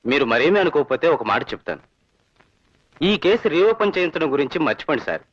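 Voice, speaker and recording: An actor playing a corrupt police officer who defends himself defiantly, heard as dull film audio. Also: male voice, fairly high pitch, sing-song, fast, slightly rough, no echo. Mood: polite. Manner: defiant, justifying.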